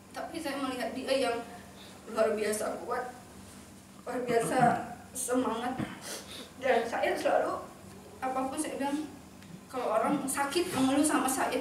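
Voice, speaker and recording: A woman speaks earnestly, telling a heartfelt testimony to a church gathering. Her voice sits a little high. She is heard from a distance in a very echoey hall, with steady background noise. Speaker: church member giving testimony. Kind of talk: personal testimony to a congregation. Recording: echoey hall, mic far off, noisy.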